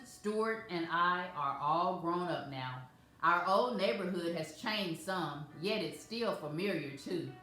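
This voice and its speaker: A woman reading a picture book aloud to children as a storyteller, in a gentle, measured way. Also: on the low side. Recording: very echoey room, faint music.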